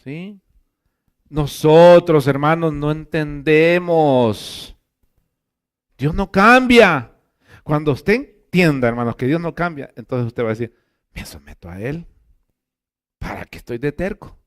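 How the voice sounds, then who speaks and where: A male pastor with a fairly high voice preaches a fervent sermon. He swings between loud, drawn-out exclamations and soft asides, and keeps turning to his listeners as brothers.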